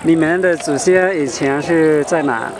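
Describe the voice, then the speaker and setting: An American man speaking simple, halting Mandarin as a foreigner, asking casual questions in an outdoor interview. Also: fairly high pitch, over music. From United States. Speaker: interviewer, visiting traveler. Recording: busy outdoor crowd and traffic noise.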